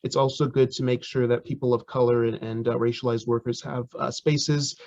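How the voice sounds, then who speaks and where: A man's voice: mid-range voice, flat delivery, a little mellow. Rambling man wrapping up remarks. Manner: rambling, halting with many uh fillers. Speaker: conference panelist. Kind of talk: casual remarks. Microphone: video call. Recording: dry, dull video call audio.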